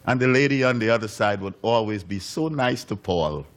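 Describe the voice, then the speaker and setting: A man preaching a sermon in a church, telling a story with animated delivery and acting out the voices of its characters. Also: lowish voice, moderate pace. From United States. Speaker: pastor.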